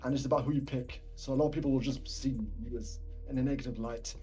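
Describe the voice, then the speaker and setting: A young rapper from Palestine, British-accented and raised speaking Arabic too, guests on a casual podcast interview. He talks at a quick pace in a medium-pitched, steady voice, soft-spoken and a little mumbly, slightly swallowing words, with faint music behind him.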